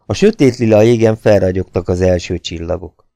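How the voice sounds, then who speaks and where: A man narrating an audiobook in a measured, dramatic storytelling manner, close to the mic. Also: low-pitched, vocal fry, dark tone, no room sound. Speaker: audiobook reader. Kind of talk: scripted narration.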